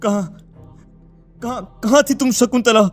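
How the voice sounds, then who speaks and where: A man's voice: extremely high pitch, measured pace, soft background music. An actor playing a worried, plaintive village father in a children's story. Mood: grieving. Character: worried village father searching for his lost daughter.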